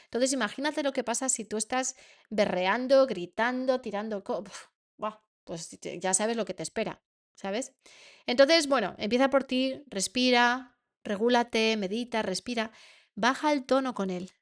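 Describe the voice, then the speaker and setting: A woman's voice: on the high side, normal speed. A woman with a Spain Spanish accent, teaching a masterclass to parents as a coach, earnest and repeating words for emphasis.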